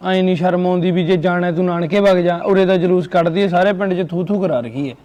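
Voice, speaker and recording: Guy playing a worked-up son, high voice, talks fast, griping about his mom. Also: steady tone, a little mellow, muffled recording, close to an everyday voice. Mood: indignant. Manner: agitated, complaining. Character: indignant young son, annoyed with his mother. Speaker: son in a comedy sketch. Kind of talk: comic village drama.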